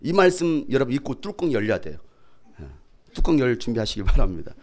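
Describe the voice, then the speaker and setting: A middle-aged pastor preaching a sermon, fiery and dramatic, who often shouts to drive home his point. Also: medium pitch, very animated, a little fast.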